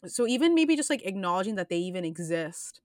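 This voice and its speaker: A woman's voice: medium pitch, very animated, fast talker, dry recording, clean studio sound. A woman hosting a podcast, talking casually and earnestly, rambling with frequent restarts and fillers. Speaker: podcast host.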